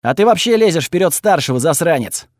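A man voicing a crude, sarcastic goblin god in an audiobook, high and mocking. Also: lively intonation, brisk, dry recording, clean studio sound, natural voice. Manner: sneering, sarcastic.

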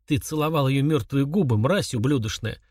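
A man voicing a shocked, furious middle-aged father with a crackly, hoarse voice. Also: mid-range voice, normal speed, a little mellow, no room sound, studio quality, close to an everyday voice.

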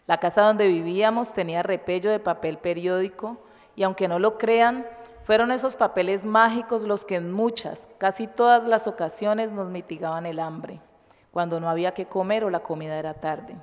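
Woman reading her memoir aloud. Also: mid-range voice. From Cali, Colombia. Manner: chatty, laughing intro, then lively storytelling reading. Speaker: community participant reading from a women's book. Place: community cultural house. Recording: long reverb with faint music behind.

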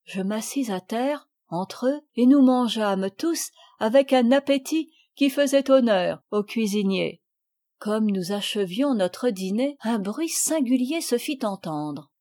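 A woman's voice: a little high, dark tone. Woman reading a storybook aloud. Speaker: audiobook reader. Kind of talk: storybook narration.

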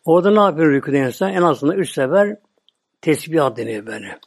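A Turkish man preaching a religious talk, slow and repetitive, often dropping to a murmur or whisper. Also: fairly high pitch, lively intonation. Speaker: Islamic preacher.

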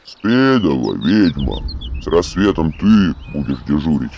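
A woman's voice: extremely low pitch, big pitch swings, unhurried, warm tone, muffled recording, a little hiss or hum, voice pushed down, full character voice. Woman growling as a bathhouse spirit. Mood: menacing lullaby. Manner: growls threats in a lullaby singsong. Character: grumpy male bathhouse spirit, menacing.

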